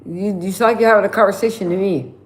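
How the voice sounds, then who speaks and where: A woman's voice: medium pitch, fairly even intonation, fast talker. A woman in her thirties chatting casually with viewers on a livestream from her mother's house, rambling with lots of fillers and slang. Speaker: livestream host.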